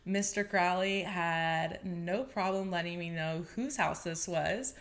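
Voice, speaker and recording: A woman in her twenties hosting her own podcast, telling stories in a chatty, animated way with bits of laughter. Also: fairly low pitch, takes it slowly. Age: 20s. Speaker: podcast host. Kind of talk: casual podcast monologue.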